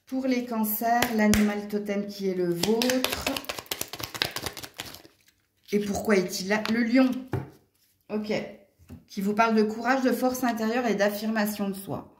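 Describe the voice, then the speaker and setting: A woman's voice: medium pitch, fairly even intonation, measured pace, long pauses, noisy background. Chatty French woman reading cards, roomy sound. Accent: Franche-Comté French. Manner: chatty, exclaims often, many hein tags. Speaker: tarot and astrology reader. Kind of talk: casual card reading for viewers. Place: at home near a window. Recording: roomy echo.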